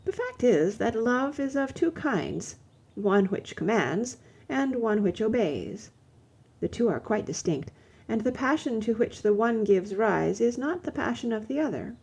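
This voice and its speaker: A woman reading a classic novel aloud in the first person, measured and expressive. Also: mid-range voice, gravelly, husky. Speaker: audiobook reader. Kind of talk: first-person literary audiobook narration.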